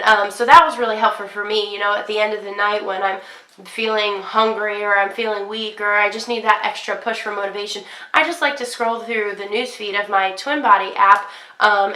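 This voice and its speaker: Congested and unwell, a young woman talks casually to the camera about her week of fitness, saying um a lot. She speaks at a moderate pace with a medium, pushed, bright voice and fairly even intonation, and the echoey room makes the recording poor.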